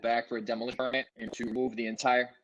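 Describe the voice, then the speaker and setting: A man addresses a town board over a video call, hesitant and full of fillers. His audio is choppy, cutting in and out mid-word, and the sound is dull and lo-fi. His pitch sits in an ordinary middle range. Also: flat delivery, racing, fairly bright tone, a little hiss or hum. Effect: choppy audio, speech cutting in and out. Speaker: applicant. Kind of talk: presenting a case to a town board.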